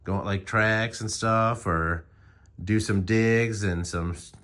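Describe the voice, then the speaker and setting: Slow and steady in tone, a lowish, slightly bright male voice rambles casually into a phone. The speaker is an American motorcycle vlogger in his forties using informal, slangy talk.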